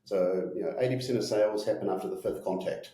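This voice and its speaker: A man in his forties speaks with a broad New Zealand accent in a casual interview. His voice sits fairly low and has a soft, mellow tone. He talks informally, like an executive explaining his business, in an echoey room. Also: fast. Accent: broad New Zealand (Kiwi). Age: 40s. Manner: informal, peppers talk with "you know" and "right?". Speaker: company executive being interviewed.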